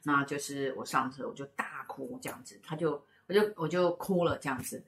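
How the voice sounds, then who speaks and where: Middle-aged woman, low voice, rambling storyteller, fillers and repeats, roomy echo. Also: brisk, fairly bright tone. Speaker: co-host and spiritual teacher. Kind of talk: casual storytelling chat.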